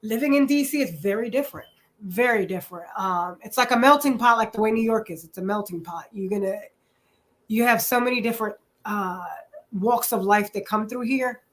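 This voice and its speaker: A woman's voice: a little high, a little fast. A chatty woman in her forties, from New Jersey, talks in a casual interview. She fills her talk with ums and says "literally" often. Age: 40s. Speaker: guest. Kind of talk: casual interview self-introduction.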